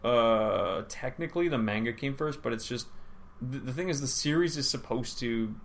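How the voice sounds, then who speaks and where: A tired man co-hosting a casual podcast chat, yawning between thoughts. His voice is gravelly with a mid pitch, and he rambles, trails off and restarts sentences while speculating aloud. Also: animated, moderate pace, a little hiss or hum. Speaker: podcast co-host.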